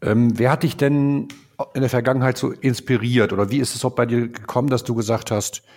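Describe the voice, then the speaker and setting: Hosting a relaxed podcast interview, a man speaks fairly quickly in a mid-range voice that is husky and a bit hoarse, his nose blocked by a cold. His talk is casual and chatty, full of filler sounds.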